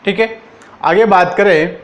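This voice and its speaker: A man teaching an exam-prep Hindi grammar lesson, asking each point as a question and answering it himself, drawing out the sounds as he recites them. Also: high-pitched. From Rajasthan, India. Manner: drawn-out syllables while reciting sounds.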